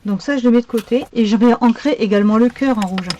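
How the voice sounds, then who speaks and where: A woman's voice: on the high side, quick pace, warm tone, dull audio. A woman talking her way through a card-making tutorial, chatty and thinking aloud with many fillers as she works. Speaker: craft tutorial host. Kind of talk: crafting tutorial narration.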